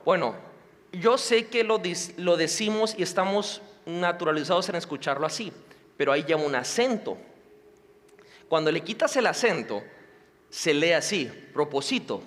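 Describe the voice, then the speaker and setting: A male pastor giving a sermon in an animated way, swinging between loud and hushed delivery. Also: high-pitched, moderate pace. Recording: long hall reverb.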